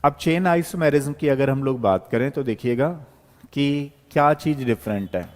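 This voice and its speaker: A man teaching chemistry at the board, talking his students through each step while he writes. His voice sits in a middling pitch. A long hall-like reverb trails after his words. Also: moderate pace, a little mellow. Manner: explains step by step while writing, with frequent checks like "okay".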